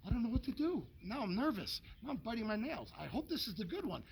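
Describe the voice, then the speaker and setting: A puzzled, anxious pet dog wonders what it did wrong, as a man puts on its inner voice. The voice sits fairly high, with a gravelly edge. Steady noise runs behind it outdoors. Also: fast talker, exaggerated voice. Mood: confused. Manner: bewildered, plaintive.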